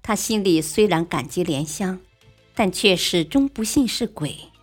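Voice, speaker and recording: Husky woman telling a classic tale. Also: on the low side, unhurried. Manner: expressive, lively narration. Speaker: storyteller. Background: faint music.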